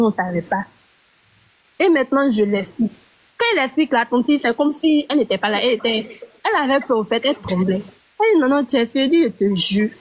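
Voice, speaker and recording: A woman's voice: a little high, darkish tone, poor audio. A woman calling in by phone, telling a story hesitantly and restarting her phrases. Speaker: caller.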